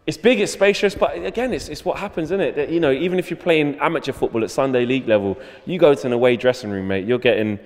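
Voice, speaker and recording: A man's voice: medium pitch, quick pace, few pauses, long reverb tail. A man, hosting a joking walkthrough of a stadium dressing room, holding a handheld mic. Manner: chatty, joking tour guide. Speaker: fan channel host. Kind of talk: casual walkthrough vlog. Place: empty stadium dressing room and corridor, indoors.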